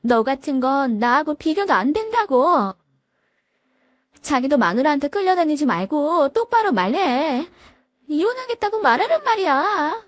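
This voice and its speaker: A woman voicing a jealous young mistress who shrieks in a shrill voice. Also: sing-song, unhurried, no echo. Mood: screaming.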